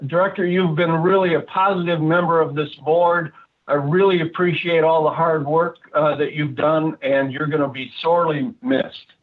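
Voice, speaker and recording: Man commenting over a tinny phone line. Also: on the high side. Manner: earnest, hesitant, frequent "uh" fillers and restarts. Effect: speaking over a phone line. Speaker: public commenter at a board meeting. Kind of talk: prepared public comment.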